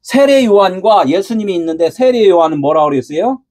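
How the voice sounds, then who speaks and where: Husky, animated preaching man. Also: high-pitched, brisk. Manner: asks the congregation rhetorical questions and answers them; raises his voice to shout like a preacher. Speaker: pastor. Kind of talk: sermon.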